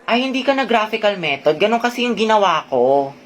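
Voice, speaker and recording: A woman with a mid-range voice talks in a casual, chatty way, comparing answers with classmates in a comic skit. Her tone is relaxed and ordinary. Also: mid-range voice, a little fast.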